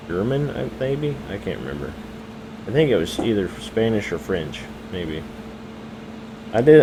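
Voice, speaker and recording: Rambling young American streamer, low voice. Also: male voice, noisy background. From United States. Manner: rambling, hesitant, lots of fillers and self-corrections. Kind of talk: casual live-stream chat with chat readers.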